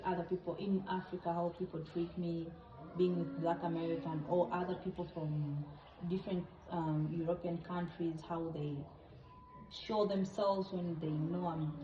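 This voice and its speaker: A woman's voice: fairly low pitch, mellow, echoey room, rough recording. A woman in her thirties from Tanzania, co-hosting a casual vlog chat in earnest, English. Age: 30s. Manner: earnest, non-native grammar. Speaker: vlog co-host.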